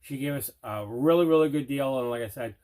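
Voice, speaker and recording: On his collector's channel, a man chats casually through an unboxing, leaning on emphatic, repeated phrases. His voice is medium in pitch, darkish, and a little fast.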